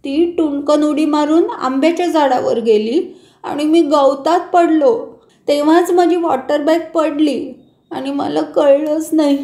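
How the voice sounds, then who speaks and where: A woman voicing a frightened little schoolboy who pleads slowly in a high voice. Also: warm tone. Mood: tearful. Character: little schoolboy, scared and tearful, owning up. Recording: roomy echo.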